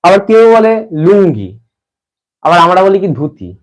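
A man's voice: high-pitched, big pitch swings, normal speed, rough recording. A man from West Bengal teaching an exam-prep lesson to students. He often repeats phrases and restarts as he explains.

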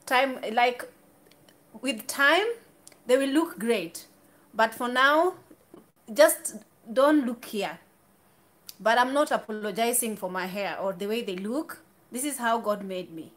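A YouTuber in her thirties talks candidly to camera in a small room, her fairly high voice a bit bright. She speaks slowly with frequent pauses, chatting casually with restarts and asides.

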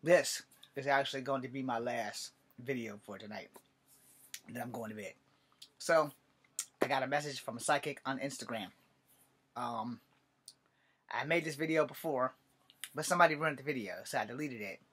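Man nearly fifty, husky mid-pitched voice, sarcastic bedroom vlog straight to webcam. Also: moderate pace, pauses often, fairly bright tone. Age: 40s. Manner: wry, sarcastic, swears. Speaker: vlogger. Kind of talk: casual webcam monologue. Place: cluttered bedroom, indoors. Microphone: webcam at desk distance.

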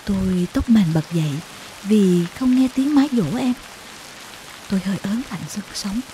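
Female narrator, warm dark tone, gentle literary storytelling, light rain noise in the background. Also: mid-range voice, animated. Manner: slow, tender storytelling with emotional acted quotes. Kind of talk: scripted audiobook narration.

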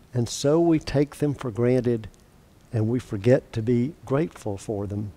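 Man, church storytime reader, gentle, deliberate, slow, mellow tone. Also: mid-range voice. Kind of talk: reading a picture book aloud, then a short lesson.

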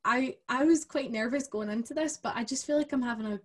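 A woman's voice: high-pitched, fairly quick. A woman in her twenties with a Scottish accent, casually hosting a conversational interview into a studio mic. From Scotland. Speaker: interviewer and host. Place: small home studio room. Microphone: microphone on boom arm, close.

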